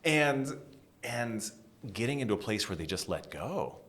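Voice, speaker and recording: A middle-aged American man from New England, a design executive giving an animated interview and dropping to a whisper for emphasis. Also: medium pitch, unhurried. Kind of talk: conversational interview.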